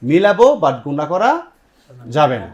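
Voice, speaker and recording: A Bangladeshi Quran recitation teacher and TV host explains tajweed step by step on air, slowly voicing Arabic words, quizzing his students, and echoing their replies. His voice is on the high side with lively intonation, and the recording lacks highs.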